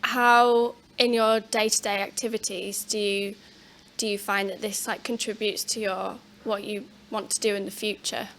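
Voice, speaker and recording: A woman's voice: medium pitch, little pitch movement, moderate pace, fairly bright tone, slight background noise. A woman asking informal, conversational questions as an interviewer.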